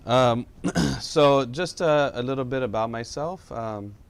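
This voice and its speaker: A young adult male medical doctor from South Florida, USA, answers questions in a studio interview. He speaks slowly and hesitantly with many fillers and restarts, in a mid-range, creaky, clear, resonant voice.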